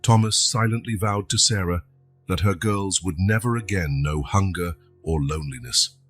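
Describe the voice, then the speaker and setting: A man narrating a scripted emotional story in a slow, solemn way. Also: low-pitched, a bit bright, faint music behind.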